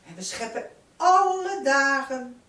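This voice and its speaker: Expressive and high-voiced, she takes her time guiding a light-circle meditation as a spiritual teacher, her solemn, chant-like delivery stretching out and repeating each phrase. A far-off microphone picks her up in a roomy space full of background noise.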